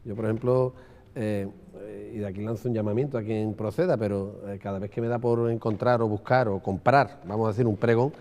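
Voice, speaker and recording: A man moderating a panel in a discursive, hesitant way, circling slowly toward his questions. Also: on the low side, fairly even intonation, a little mellow. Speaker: round-table moderator. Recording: long hall reverb.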